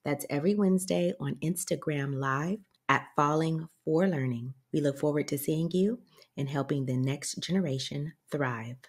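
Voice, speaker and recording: A woman announcer reading a scripted show promo in a smooth, even delivery. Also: low voice, moderate pace, a little hiss or hum.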